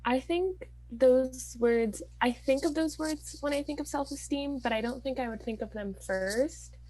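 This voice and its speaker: A woman's voice: sits high, measured pace, a little mellow, rough recording. A nineteen-year-old woman interviewed over a video call, answering briefly and hesitantly, her voice dropping at the ends. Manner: brief, hesitant, drops in volume.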